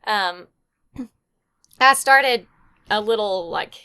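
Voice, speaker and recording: Young woman, podcast guest, bright voice, mid pitch, casual rambling chat, lots of fillers. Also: extremely slow, smooth.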